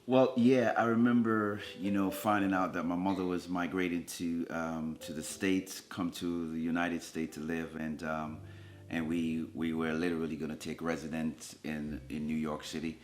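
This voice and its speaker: A man's voice: deep voice, little pitch movement, moderate pace. A middle-aged man from Jamaica co-hosting with his wife, telling their story in casual chat with an earnest, storytelling manner. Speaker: co-host, husband.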